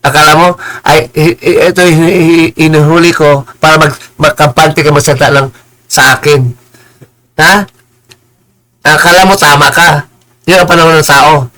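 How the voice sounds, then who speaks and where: A man with a bright, sharp voice rants on a live stream. He is combative and insulting, stammers and repeats words, and now and then slows into preachy English phrases. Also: a little high, fairly even intonation, rough recording. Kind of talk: heated live-stream rant.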